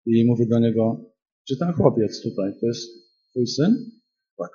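In a church hall, a man preaches a charismatic sermon to a congregation, rising to loud, emphatic peaks and dropping into quiet storytelling. His mid-range voice is expressive and measured in pace, though the audio is dull.

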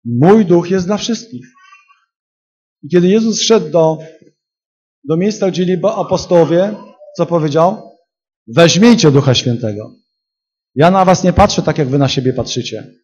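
A man preaches a charismatic sermon in a church hall. His voice sits a little high and sounds husky. He swings between loud, emphatic peaks and quiet storytelling, on a dull, lo-fi recording. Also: expressive, measured pace, long pauses.

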